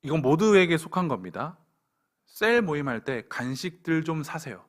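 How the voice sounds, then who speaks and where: Male pastor, young adult, sermon, playful asides, direct to the crowd, high voice. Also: moderate pace. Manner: lively, pointed preaching with playful asides and direct commands to the congregation.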